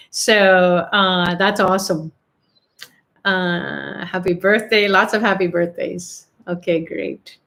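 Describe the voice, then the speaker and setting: Speaking slowly in a lowish voice with long pauses, a middle-aged woman hosts an online chanting and prayer call. She's upbeat and warm-hearted, laughing often and filling her speech with fillers as she chats casually and reads out comments in this spiritual group conversation.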